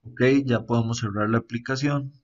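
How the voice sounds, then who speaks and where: Man, casual app walkthrough, mid pitch, filler pauses, slightly muffled recording. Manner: relaxed, tags sentences with a questioning aside, filler pauses. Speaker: app reviewer.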